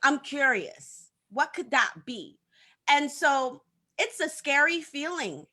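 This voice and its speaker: A Haitian woman in her thirties, a social media coach, joins a casual video-call talk show as a guest and tells her story in an upbeat, chatty way, laughing often. Her voice is high-pitched, animated, pushed and bright, and she speaks slowly.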